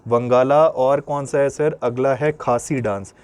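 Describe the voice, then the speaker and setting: A man's voice: medium pitch, steady tone, a little slow, darkish tone, clean tone. Man quizzing and answering himself. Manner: quizzes pupils with questions, then answers them himself; memory tricks, repeats key words. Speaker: teacher. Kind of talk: exam-prep lesson.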